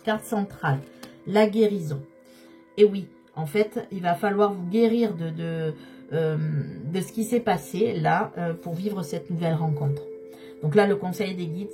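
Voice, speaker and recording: A slightly hoarse woman giving a tarot reading, speaking straight to her viewers and repeating key phrases for emphasis. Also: on the low side, warm tone. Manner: repetitive, emphatic, addresses viewers directly. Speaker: tarot card reader.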